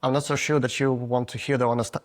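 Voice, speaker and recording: A man's voice: medium pitch, level tone. Russian-accented man in his forties. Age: 40s. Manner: frank, halting non-native English with restarts. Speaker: guest photographer. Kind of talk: casual interview answers.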